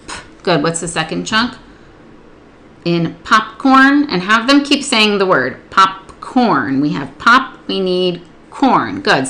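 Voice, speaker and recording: Bright-voiced woman explaining a lesson. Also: fairly low pitch. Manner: patient, step-by-step, models sounds slowly. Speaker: literacy instructor. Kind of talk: instructional explanation.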